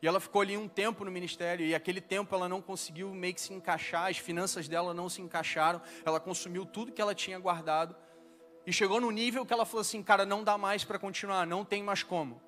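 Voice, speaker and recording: High-voiced man telling a sermon story. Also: steady tone, quick pace, fairly bright tone. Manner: casual, self-mocking storytelling. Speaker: preacher.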